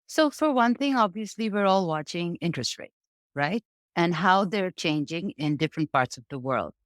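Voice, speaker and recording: A woman from Bangladesh speaks as an interview guest and explains the economy in an easy, conversational way. Her voice sits a little low, and she keeps checking in with her listener. The sound is dry and close. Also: animated, normal speed, no echo. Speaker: guest market analyst. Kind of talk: interview answers on markets.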